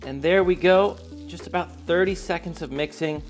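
A man's voice: fairly high pitch, moderate pace, faint music behind. A man in his thirties hosting a home cooking tutorial in a kitchen, enthusiastic with playful asides. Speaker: cooking show host.

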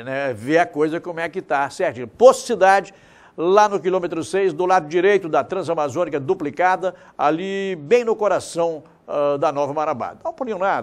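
A man presenting local TV news in a studio, emphatic and gesturing as he appeals straight to viewers. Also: fairly high pitch. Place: TV studio set.

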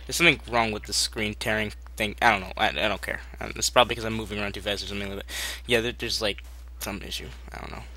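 A young man with a bright, sharp voice gives loose, goofy game commentary at his home desk. He rambles with fillers and laughter and bickers with a friend. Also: fairly low pitch, steady tone, fast talker, a little hiss or hum. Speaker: gaming commentator. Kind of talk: casual Minecraft commentary with a friend.

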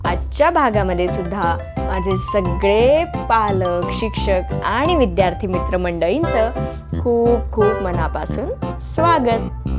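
A woman teaching a children's language lesson, speaking slowly and clearly and patiently reciting each sound. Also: medium pitch, expressive. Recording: light background music. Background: light music.

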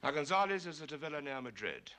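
Senior British intelligence chief, grave commanding briefing, crisp forceful tone, film drama. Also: male voice, a little high, very animated, fast talker.

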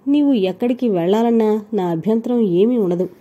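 A woman voicing a gentle, tired young husband who answers calmly with a smile, in an audio novel. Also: medium pitch, normal speed, lightly acted. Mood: calm smiling. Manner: calm, smiling, tired. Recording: dull lo-fi recording.

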